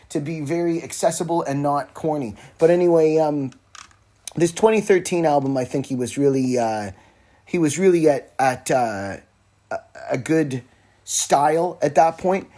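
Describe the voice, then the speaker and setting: Recording informally by himself, phone within reach, a man hosting a podcast wanders casually through the subject of music. He frequently interrupts himself with wry, loose asides, speaking in a higher-than-average voice with a darkish tone.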